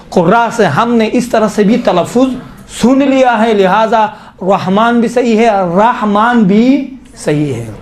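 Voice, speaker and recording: A man teaching tajweed in a lesson, explaining rules, quizzing students and slowly demonstrating recitation. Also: high-pitched.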